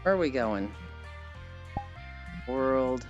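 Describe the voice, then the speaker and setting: A livestream host with a mid-range voice and lively intonation talks very slowly while casually reading and answering viewers' chat messages. The tone is rambling and playfully teasing, with mild swearing, and the dull lo-fi recording has music playing underneath.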